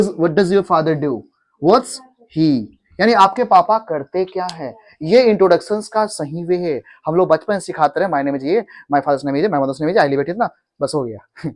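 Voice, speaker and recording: A man with an Indian accent teaching an English class, mixing Hindi with English and having students repeat after him. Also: high-pitched. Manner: asks questions and has the class repeat; mixes Hindi with English phrases. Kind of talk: classroom lesson.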